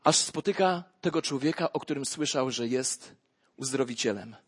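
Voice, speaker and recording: A man preaching a sermon as dramatic storytelling, dropping to hushed lines and rising to loud exclamations. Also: mid-range voice, moderate pace, slightly rough.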